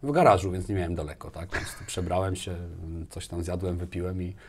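Speaking a little fast in a low-pitched, steady voice, a forties-aged business executive chats casually as an interview guest and often repeats phrases while thinking aloud. A lapel mic picks him up indoors in a small furnished studio room lined with bookshelves, with slight background noise.

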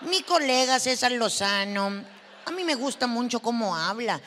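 A performer in a stand-up comedy act, playing a brash, foul-mouthed Mexican woman with a Mexican Spanish accent who is loud and sassy, swears a lot and keeps asking the audience questions. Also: mid-range voice, animated, normal speed. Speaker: stand-up comic. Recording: live hall reverb with faint noise.

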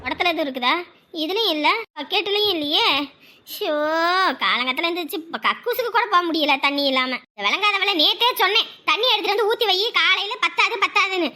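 A woman's voice: extremely high pitch, animated, fairly quick, sharp tone, full character voice. A woman voicing a scheming, scolding middle-aged stepmother in a cartoon, nagging as she talks. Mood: grumbling. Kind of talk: Tamil cartoon voice acting.

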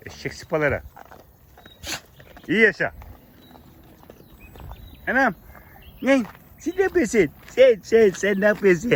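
Give me a man fondly scolding and coaxing his animals outside, faint background noise. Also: medium pitch. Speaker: animal keeper talking to his donkeys. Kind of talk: affectionate teasing talk to animals, vlog.

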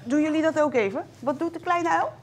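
A woman's voice: high-pitched, a little fast, soft background music. A woman reading a picture book aloud to young children, sing-song and coaxing, asking them questions as she goes.

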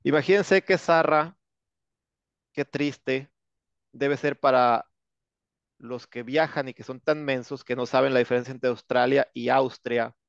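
A male English teacher with a Mexican accent, giving an online lesson in a sarcastic, slangy, joking way. His voice is gravelly with a lot of fry. The sound is dry and dull, like a lo-fi video call. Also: mid-range voice, steady tone, unhurried, pauses often, no room sound. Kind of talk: online class lecture.

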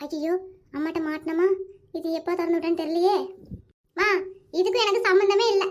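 Squeaky whiny little kid, cartoon, talks fast and sulks. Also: fairly bright tone. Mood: protesting. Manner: complaining, self-pitying grumbles. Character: whiny little boy in kindergarten, cheeky and sulky. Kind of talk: cartoon family comedy.

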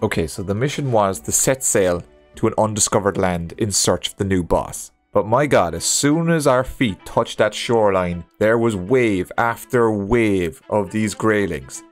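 Man narrating a game adventure, low voice. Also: soft background music. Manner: dramatic, measured retelling. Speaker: narrator of a gaming video. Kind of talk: scripted storytelling voice-over.

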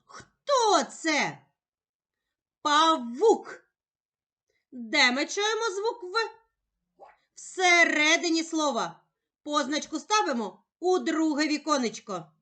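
A woman teacher speaking slowly and carefully in a sing-song voice, giving a reading lesson for young children. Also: high-pitched, expressive, bright, forceful tone. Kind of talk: slow, clearly articulated children's reading lesson.

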